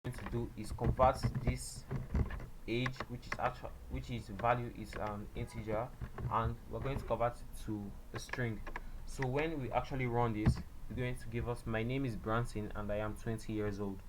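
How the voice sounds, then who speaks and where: A man giving a beginner programming tutorial, explaining step by step in a halting way and often repeating himself. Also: medium pitch, steady tone. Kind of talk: screen-recorded coding tutorial. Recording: loud background noise and clicks.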